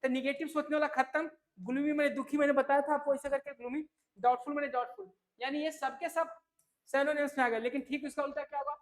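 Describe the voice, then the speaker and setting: A man's voice: extremely high pitch, steady tone, quick pace. A man teaching English vocabulary for an exam in a chatty, casual way, often checking in with listeners. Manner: chatty, repeats "है ना?" and "ठीक है" to check in. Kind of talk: casual tutoring lesson.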